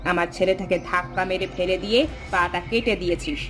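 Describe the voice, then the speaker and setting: A woman's voice: lowish voice, steady tone, brisk, music in the background, pitched below the performer's own voice, lightly acted. A woman voicing a haughty rich village mother who looks down on the poor and scolds sharply. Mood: accusing. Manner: scolding, contemptuous.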